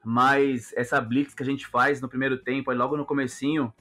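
A man's voice: medium pitch, level tone, fairly quick, sharp tone, faint music behind. A Brazilian man co-hosting a football podcast in casual, slangy chat.

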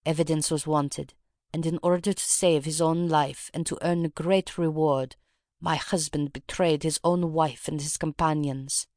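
A reader playing a proud, grave Russian woman revolutionary who makes a dignified confession in an audiobook. The recording is dry and close, with a middle pitch. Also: fairly even intonation, a little slow, darkish tone, no echo, close to an everyday voice. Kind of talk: audiobook reading.

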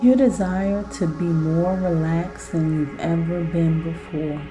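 A woman guiding a self-hypnosis relaxation in a soothing, deliberate manner, like a sleep story narrator. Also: lowish voice, fairly even intonation, music in the background, low-quality recording. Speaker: podcast host and relaxation guide.

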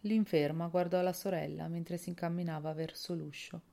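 A woman reads a novel aloud in a calm, even manner. Her voice sits low and carries a noticeable gravelly fry. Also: moderate pace. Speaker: audiobook reader. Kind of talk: scripted narration.

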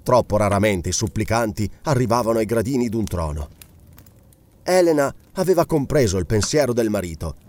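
A man narrating a classic novel as an audiobook, with expressive storytelling. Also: fairly low pitch, brisk.

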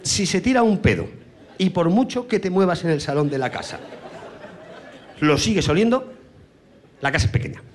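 Brash comedian, very animated. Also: male voice. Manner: brash, crude punchlines with sudden high shouted sound effects. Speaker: stand-up comedian. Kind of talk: stand-up comedy monologue.

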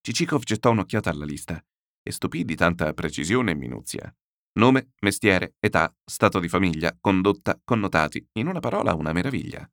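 Male audiobook narrator, low and animated, expressive reading of classic prose. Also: brisk, no room sound, studio quality. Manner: expressive storytelling. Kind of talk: scripted narration of a classic novel.

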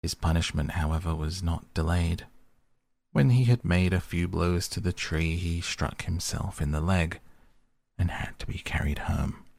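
A man gently reading fairy tales aloud as a calm bedtime story. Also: deep voice, measured pace, vocal fry, no echo.

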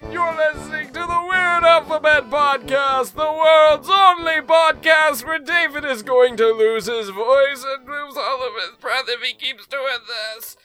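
A woman's voice: high-pitched, a little slow, hardly any pauses, bright, forceful tone, soft background music, pitched above the performer's own voice. A woman putting on the voice of a feeble old man, wheezy and out of breath. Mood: croaky.

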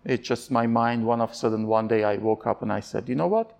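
A man's voice: medium pitch, fast, vocal fry, a little mellow. A man from Iran, giving candid interview answers in an earnest, searching way, often restarting his sentences.

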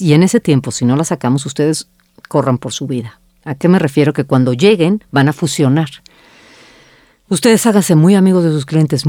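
Mellow-voiced woman telling her story. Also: low voice, dry recording, clean studio sound. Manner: lively, quotes herself and others in dialogue. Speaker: agency founder, guest. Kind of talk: storytelling in a conversational interview.

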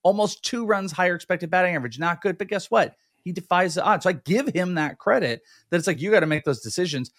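A man's voice: sits high, quick pace, hardly any pauses, no echo, studio quality. A man co-hosting a fantasy baseball podcast in casual chat, making his points emphatically and repeating them. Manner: emphatic, repetitive, animated.

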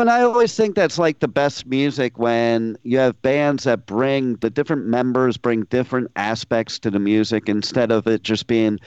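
Male radio host, casual interview, smooth clear voice, slightly dull audio. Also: medium pitch, darkish tone, no echo.

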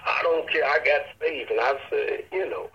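An older man with an Arkansas accent, a church elder speaking as an interview guest in a folksy, halting way. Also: fairly high pitch, vocal fry, sharp tone. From Arkansas, United States. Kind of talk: casual interview talk on faith. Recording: dull lo-fi radio or phone line.

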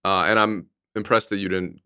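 A man's voice: lowish voice, flat delivery, normal speed, bright, forceful tone, clean tone. A man co-hosting a podcast, chatting in an easygoing, chatty way. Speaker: podcast co-host. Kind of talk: casual podcast chat.

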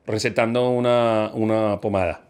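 A man from Colombia telling jokes as a comedian, animated and acting out every character. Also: on the low side, moderate pace, clean tone. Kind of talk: stand-up joke telling.

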